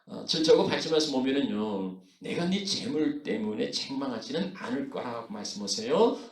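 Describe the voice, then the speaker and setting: Lively-voiced pastor preaching in an echoey church. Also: male voice, mid-range voice, recorded from a distance. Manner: conversational preaching with frequent fillers and rhetorical questions. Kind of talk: sermon. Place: church sanctuary.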